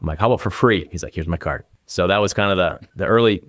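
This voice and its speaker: This guest is a fast talker with a low, somewhat bright voice, heard in a dry, clean studio recording. A northern Minnesota real estate agent in his forties, he speaks casually and anecdotally in an Upper Midwestern American accent during an interview.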